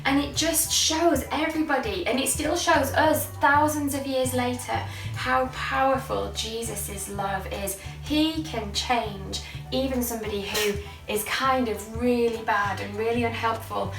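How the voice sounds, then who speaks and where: Her voice is a little high, and she speaks unhurriedly with hardly any pauses. She runs an interactive children's Bible lesson, keeping explanations simple and firing off questions, captured from a distance in an echoey indoor church studio with faint music.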